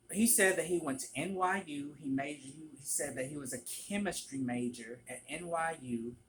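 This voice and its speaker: A vlogger telling a work story in an animated, profane storytime manner. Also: mid-range voice, a little hiss or hum. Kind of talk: storytime vlog.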